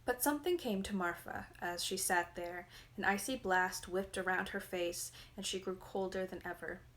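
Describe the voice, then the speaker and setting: A woman reads a fairy tale from a book, narrating it as a dramatic, scripted story. Her voice is lowish with a fairly bright tone.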